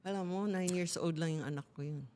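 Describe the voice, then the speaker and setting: A woman's voice: on the low side, fairly quick, mellow. Candid middle-aged woman, talk-show co-host, shares a personal story in casual chat. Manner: candid storytelling, mixing Tagalog and English.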